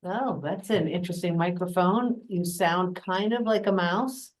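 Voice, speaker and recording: A woman's voice: fairly low pitch, a little slow, poor audio. A middle-aged woman, executive director, chairing a planning meeting in a meeting room with a joking, breezy manner.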